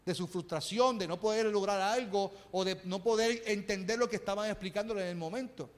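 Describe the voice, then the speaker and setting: A man's voice: high voice, fairly quick. A pastor preaching to his congregation, earnest and conversational, asking rhetorical questions. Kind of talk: sermon. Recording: reverberant hall.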